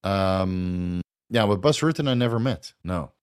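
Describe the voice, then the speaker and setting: A man's voice: deep voice, expressive, measured pace, clear, resonant tone. A man from the Netherlands with a Dutch accent, chatting loosely as host while answering viewer questions and thanking donors, swearing and laughing often. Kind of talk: casual livestream Q&A.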